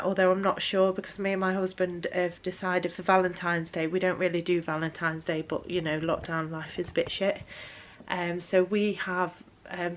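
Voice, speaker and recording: A young adult woman, giving a casual book vlog update, tired, hesitant and full of ums. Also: on the low side. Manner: hesitant, lots of ums, soft and weary. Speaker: book vlogger.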